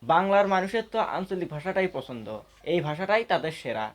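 Guy debating, blunt and folksy, talks fast, voice a bit high. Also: animated. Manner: folksy and blunt, arguing for dialect. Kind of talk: debate speech.

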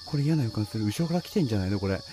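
A video game player commentates as he plays a horror game, nervous and pleading, chatting casually to himself and his viewers. His voice is lowish, expressive, mellow and very fast.

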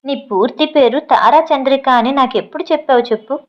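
A woman's voice: high-pitched, brisk, pitched above the performer's own voice, close to an everyday voice. A woman reading a loving young husband's lines in an affectionate, earnest way, in a dull lo-fi recording. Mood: tender.

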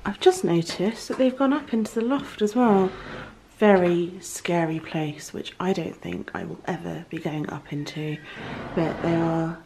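A woman's voice: fairly low pitch, a little slow, background noise. A British woman in her thirties chatting casually to a handheld camera as she shows a house renovation. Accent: British English. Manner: chatty, talking to camera while walking around. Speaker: vlogger. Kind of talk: casual vlog chat. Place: house under renovation, indoors. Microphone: handheld camera at arm's length.

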